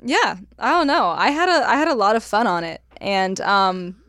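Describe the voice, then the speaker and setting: A woman's voice: medium pitch, big pitch swings, moderate pace, fairly bright tone, dry recording, studio quality. A woman podcast host in casual chat, bubbly and rambling.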